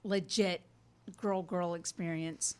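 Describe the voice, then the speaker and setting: A woman's voice: on the low side, fairly even intonation, slow, clear, resonant tone. A middle-aged woman hosting a casual podcast chat, candid and laughing, sometimes losing her thread mid-question. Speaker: podcast host.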